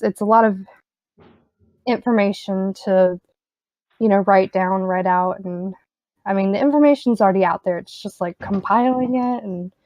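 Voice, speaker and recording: A woman on community staff reads out questions and answers them casually, joking and laughing lightly between answers. Her voice is medium-pitched with a darkish tone. The recording is dry.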